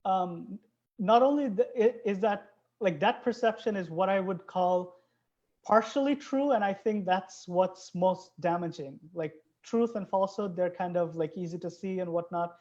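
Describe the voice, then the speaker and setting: Mellow-voiced biologist from Bangladesh, earnest. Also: mid-range voice, moderate pace. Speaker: biologist guest. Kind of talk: interview explanation. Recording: dull lo-fi recording.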